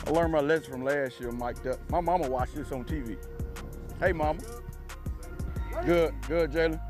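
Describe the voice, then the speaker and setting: A football coach at outdoor practice, wearing a body mic, joking with players and shouting energetic drill commands. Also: male voice, fairly high pitch, normal speed, music in the background. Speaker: defensive line coach. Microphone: wireless body mic.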